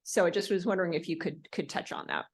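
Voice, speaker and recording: Woman, American accent, somewhat low voice, halting delivery, repeated words, board meeting question. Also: husky. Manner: halting, searching for words, many repetitions. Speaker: board director. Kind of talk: spontaneous question at a public meeting.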